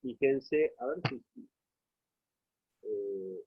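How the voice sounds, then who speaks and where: A man's voice: medium pitch, animated, extremely slow, slightly rough. A man with an Argentine accent giving a university lecture over a video call, explaining at length and often checking in with his students. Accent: Argentine Spanish. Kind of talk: online class lecture. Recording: tinny phone-like call audio.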